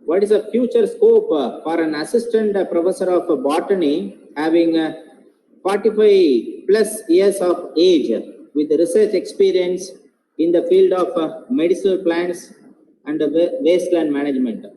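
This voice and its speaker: A man's voice: sits high, moderate pace, warm tone, roomy sound, low-quality recording. A man moderating a webinar, reading out audience questions politely and hesitantly with many fillers.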